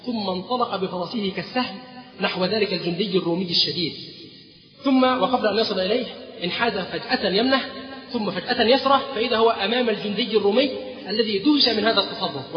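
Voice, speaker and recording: A man with an Egyptian accent giving a religious history lecture, telling the story and prompting his listeners with fill-in questions. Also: high-pitched. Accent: Egyptian Arabic. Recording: dull, echoey hall recording.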